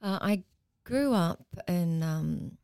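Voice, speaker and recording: A woman's voice: on the low side, lively intonation, slow, gravelly, darkish tone, clear, resonant tone, no echo, clean studio sound. A woman in her forties with an Australian accent, a podcast guest chatting casually and laughing often. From New Zealand and Australia.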